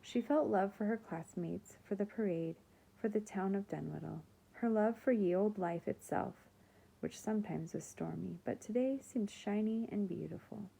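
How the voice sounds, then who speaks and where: A woman teacher reading a children's chapter book aloud in a calm, expressive narrating voice. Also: mid-range voice, moderate pace, gravelly, slightly rough, poor audio. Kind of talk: storybook read-aloud.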